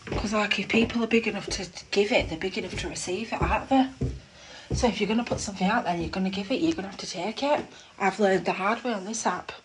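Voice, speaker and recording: A woman's voice: medium pitch, quick pace, a little hiss or hum. Chatty woman gossiping live. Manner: chatty and gossipy, laughs at herself. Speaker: live-stream gossip host. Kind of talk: casual live-stream chat. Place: at home in her room. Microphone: phone.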